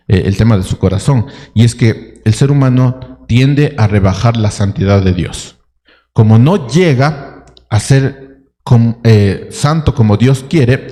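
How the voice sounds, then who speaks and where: Male pastor, mid-pitched and dark-toned, questioning his congregation, long hall echo. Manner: dramatizes the story with rhetorical questions. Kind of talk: sermon. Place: church hall. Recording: long church hall reverb.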